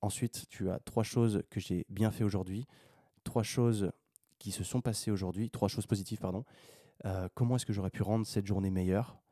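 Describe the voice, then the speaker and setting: A man's voice: fairly low pitch, normal speed, no room sound, studio quality. A man hosting a solo podcast, talking off the cuff and rambling to the listener like a buddy, swearing casually and rising when he makes a point. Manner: animated rises when making a point. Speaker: podcast host.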